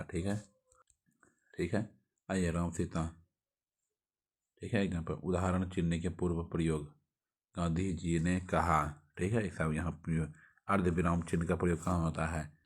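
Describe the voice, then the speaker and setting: A man with a Bihari Hindi accent runs through grammar notes for an exam revision lesson. His voice sits very low. He stumbles, restarts, and keeps checking in with a quick "okay" as he reads. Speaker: teacher.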